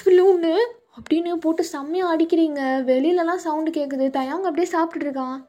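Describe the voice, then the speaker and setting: A woman narrating a fan story in the second person, in a lively, casual storytelling way. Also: sits high, quick pace. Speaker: fanfiction narrator.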